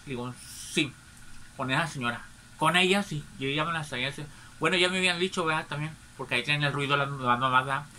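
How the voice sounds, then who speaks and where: A man's voice: a little high, fast talker, pushed and bright, a little hiss or hum. A man with a Mexican accent telling a personal anecdote in a casual, gossipy way, constantly tagging his phrases with little questioning asides. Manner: chatty, tags nearly every phrase with a questioning aside. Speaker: storyteller.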